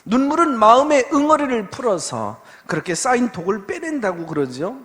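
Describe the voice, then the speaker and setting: A man, a pastor, preaching an impassioned sermon that swings from soft storytelling to loud pleading. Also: very high-pitched, very animated, moderate pace. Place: church sanctuary. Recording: long church reverb.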